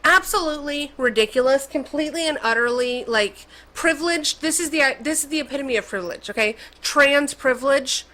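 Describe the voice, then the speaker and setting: A woman host delivering an opinionated commentary rant in a bright, forceful voice that sits a little high. Her tone is sarcastic and mocking, and she keeps punching her points with "okay?". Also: fairly quick, hardly any pauses, rough recording.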